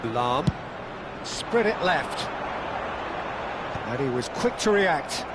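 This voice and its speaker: A man playing a keen football commentator in a video game, calling play-by-play in excitable, clipped phrases. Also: high-pitched, heavy background noise.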